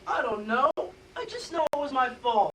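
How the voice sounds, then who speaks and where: A woman's voice: sits high, expressive, moderate pace, fairly bright tone, recorded from a distance, slight background noise, low-quality recording. A woman acting a grieving, guilt-ridden teenage boy in a school stage play, distraught and stammering. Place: school stage, recorded from the hall.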